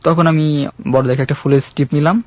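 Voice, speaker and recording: A young man calling in to a radio show, earnestly recounting his own love story in a halting, heartfelt way. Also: fairly high pitch, steady tone, no echo. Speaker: caller. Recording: dull, dry radio studio sound.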